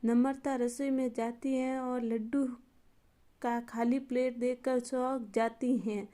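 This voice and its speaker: Woman storyteller, scripted narration, very slow, mellow, slightly high. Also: fairly even intonation.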